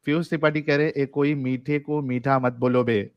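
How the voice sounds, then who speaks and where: Here a man with a mid-range, clean voice and no room sound runs a livestream debate show. He jokes around and laughs often as he reads viewer messages aloud.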